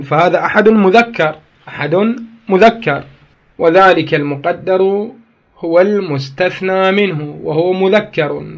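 A man with an Iraqi Arabic accent lectures on grammar in a fairly high voice. He reads a passage aloud, then explains and argues with it, repeating key phrases to drive the point home. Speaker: teacher.

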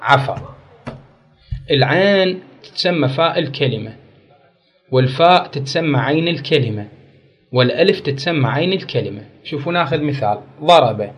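A man teaching an Arabic grammar lesson, repeating key words and quizzing his class with questions. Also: a little high. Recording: dull lo-fi recording.

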